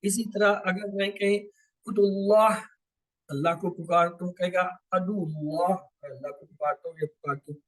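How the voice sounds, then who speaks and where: A man with a high voice gives a step-by-step grammar lesson on the Quran. He asks his own questions and answers them, drawing out each Arabic drill word slowly. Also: steady tone, fairly bright tone, rough recording. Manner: draws out and repeats Arabic drill words slowly.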